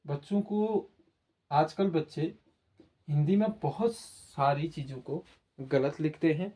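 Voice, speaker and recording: Slow, patient male Hindi teacher. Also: fairly high pitch, dark tone. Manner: patient, repetitive, addresses listeners directly. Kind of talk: explanatory lesson to students.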